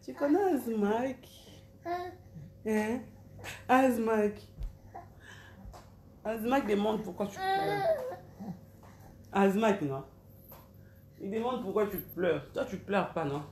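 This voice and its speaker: Woman, slow and chatty, greets viewers by name on a live stream; echoey room. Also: mid-range voice, very animated, darkish tone, slight background noise. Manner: chatty, calls out names one by one. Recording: roomy echo, faint background ambience.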